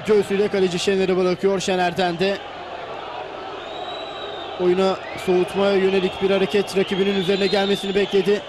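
A man's voice: high-pitched, monotone, brisk, pauses often. A man giving live play-by-play football commentary. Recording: noisy stadium broadcast with loud crowd. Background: loud crowd and stadium noise.

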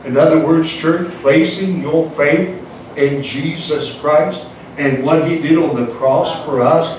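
Indoors in a church sanctuary, a pastor gives an evangelical sermon at a slow pace, punctuating lines with "amen" and calls to the church. He swings between soft, low passages and shouted, high climaxes, heard as echoey, distant church sound with faint noise.

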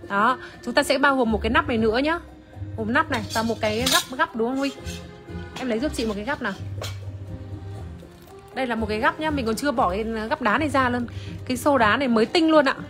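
A woman's voice: on the high side, a bit bright. Chatty woman presenting wine on a livestream. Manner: chatty, many fillers, greets viewers by name. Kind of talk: casual livestream product demo. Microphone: phone camera, iPhone.

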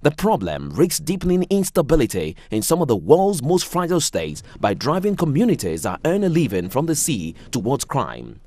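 A man narrating a scripted news report, measured and even. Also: no room sound. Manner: measured reading with wide pitch swings.

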